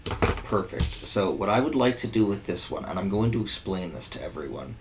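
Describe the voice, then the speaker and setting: Male player, very low voice, deliberate with a dry joke. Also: expressive, background noise. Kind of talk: tabletop game play.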